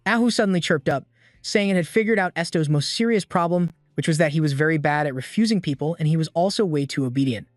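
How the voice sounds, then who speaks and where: A man reading a scripted story recap in a steady, even storytelling manner. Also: fairly high pitch, fast talker, dry recording. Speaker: recap narrator. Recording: dry voice-over with soft music.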